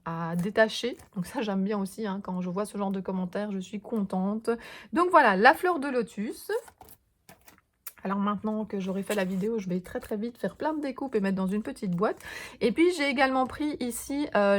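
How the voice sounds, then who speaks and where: A woman vlogger chatting enthusiastically through a scrapbooking haul, with lots of fillers and small restarts. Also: a little high. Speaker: crafting vlogger. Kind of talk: casual show-and-tell haul video.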